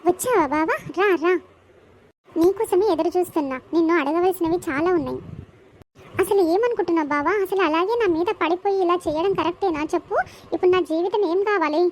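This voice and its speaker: A wronged young village woman demands answers in a rapid, insistent voice, acted by a woman. She speaks with a Telangana accent and a very high pitch, in a homemade comedy skit. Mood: accusing. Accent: Telangana Telugu.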